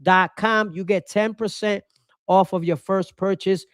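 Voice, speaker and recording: A man's voice: sits high, fairly even intonation, measured pace, no room sound, studio quality. A man from Rico, hosting a baseball podcast with passionate, opinionated commentary and repeating his points for emphasis. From Puerto Rico.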